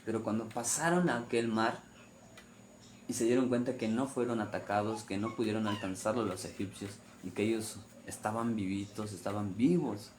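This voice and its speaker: A man's voice: lowish voice, normal speed, slight background noise. A man preaching a sermon on the weekly Torah portion, repeating phrases and asking rhetorical questions.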